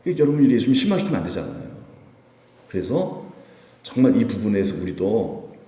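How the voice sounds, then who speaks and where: A man preaching an animated Friday prayer sermon as pastor, acting out voices in the story as he teaches. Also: on the low side, a little fast. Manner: animated, acts out the disciples' scolding in raised voice. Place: church sanctuary. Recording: echoey church hall.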